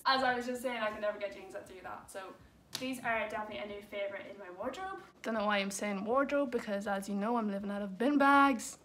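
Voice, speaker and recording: A woman's voice: fairly high pitch, fairly bright tone, far from the mic. A young woman chatting casually through a clothing try-on haul, full of "like" fillers. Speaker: fashion vlogger. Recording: roomy echo, voice away from mic, faint noise.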